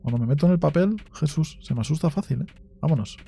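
A man's voice: a little high, animated, quick pace, gravelly, dark tone, breathy edge. A man with a Spain Spanish accent giving let's play commentary on a horror game, jumpy, swearing often and talking to himself. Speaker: gaming YouTuber.

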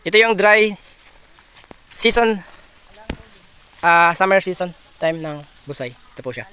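A man's voice: sits high, animated, measured pace, smooth. Upbeat man hiking and vlogging. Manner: upbeat, shouts greetings, laughs often. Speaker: travel vlogger. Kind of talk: excited casual vlog chatter. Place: outdoors on a rural forest trail.

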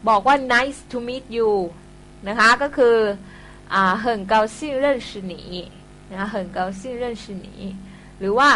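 A woman with a bright, clear voice leads a classroom language lesson. She explains slowly and patiently, going one step at a time and softening each point with polite particles. A faint hum sits under the recording. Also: on the high side. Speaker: Chinese language teacher.

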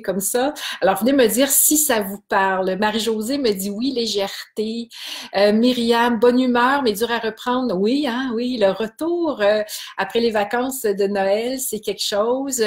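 A kinesiology wellness host with a Québécois French accent and a fairly high voice runs a live stream from her computer. She chattily greets viewers by name, with many hesitations along the way.

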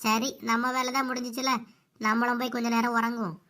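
A scheming young daughter-in-law in a cartoon, voiced by a woman, with a Kanyakumari Tamil accent. She rattles along quickly in a bright, fairly high voice and sounds quick-tongued and mocking. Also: flat delivery, natural voice.

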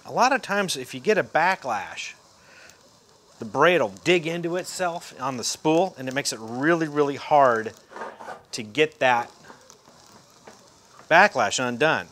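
Sitting in a chair in an indoor room, a middle-aged fishing instructor gives an easygoing, folksy demonstration with loose talk, fillers and restarts. His voice is a little high with a sharp tone.

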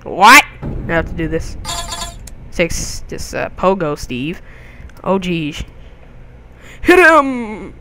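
A young man hosting a gaming video, giving jokey, excitable commentary with crude outbursts as he plays. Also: high-pitched, slow, long pauses. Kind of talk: gameplay commentary.

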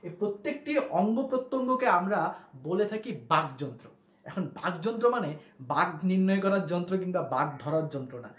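A male teacher with a fairly high voice, giving a grammar lesson in a reverberant room. He walks through each point slowly, says the key ideas again and again, and keeps asking his class questions. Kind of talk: classroom lesson explaining at a board.

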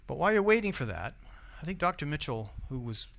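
A man's voice: a little high, very animated, fast, creaky, fairly bright tone. A man with an American accent preaching a sermon in a church, conversational and often asking the congregation questions. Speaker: pastor.

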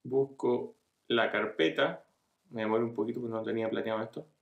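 A middle-aged man talks a viewer through a screen-recorded tutorial in a relaxed, step-by-step way, often stopping to check they are following. His voice has a gravelly edge and sits at an ordinary pitch. The sound is echoey, picked up by a desk webcam in a small room. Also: a little fast, narrow, tinny audio. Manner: casual step-by-step explaining with frequent checks like "¿cierto?". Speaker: online marketing tutor.

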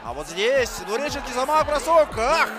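A man with a very high-pitched voice commentates ice hockey live, exclaiming and stretching out names. Loud music and crowd noise play behind his excited calls. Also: moderate pace. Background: pop-rock music and crowd noise.

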